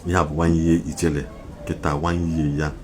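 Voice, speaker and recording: Deep guy doing an impassioned rant, flips between n english, repeats himself for emphasis, bit of background noise. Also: flat delivery, normal speed. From Nigeria. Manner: mixes Igbo and English, repetitive, emphatic. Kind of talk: impassioned social media commentary.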